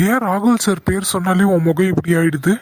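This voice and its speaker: A man's voice: high-pitched, fairly quick, no echo. A man voicing a stern young male college lecturer who questions firmly in a cartoon. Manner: firm, questioning. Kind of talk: cartoon voice acting.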